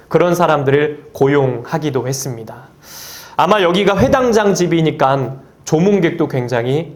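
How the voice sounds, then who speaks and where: Man, pastor, Sunday sermon, slightly high voice, earnest scripture quoting. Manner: earnest preaching, quoting scripture, rising emphasis on key phrases. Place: church sanctuary.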